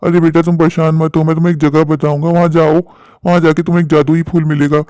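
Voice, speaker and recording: Man as a kindly older cartoon man, quick flat delivery, dark tone. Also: a little high, clean tone, no room sound, lightly acted. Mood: gentle. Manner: gentle, advising. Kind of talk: cartoon voice acting.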